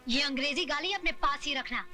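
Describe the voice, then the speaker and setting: A woman's voice: sits high, a little fast. An actress playing a fierce young wife who confronts her husband's mistress and stands her ground, in a film scene. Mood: combative. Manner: sharp, cutting, combative. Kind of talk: Hindi film drama. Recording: film soundtrack with music.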